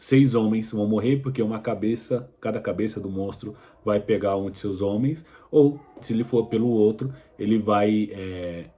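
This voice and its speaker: Man, history channel host, casual explainer, talks straight to viewer, dark warm tone. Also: on the low side, normal speed, hardly any pauses. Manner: relaxed retelling with frequent fillers and restarts; colloquial, addresses viewer directly.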